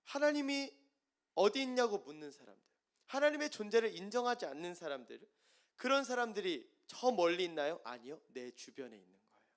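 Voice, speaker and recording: Impassioned Korean male preacher, lively pitch. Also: brisk. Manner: swings from soft explaining to loud impassioned pleading. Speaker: pastor. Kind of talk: sermon.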